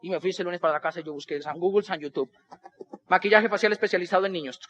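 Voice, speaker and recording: A man's voice: high-pitched, fast, highs cut off. A Colombian man telling a humorous life story to an audience, acting out the people in it. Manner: animated, acts out other people's voices in dialogue.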